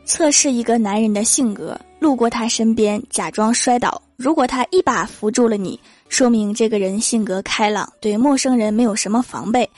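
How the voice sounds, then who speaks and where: A young woman with a fairly high voice tells comic stories as a show host. Her delivery is lively and teasing, and faint music plays behind her. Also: moderate pace, few pauses, no room sound. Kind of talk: scripted comic monologue.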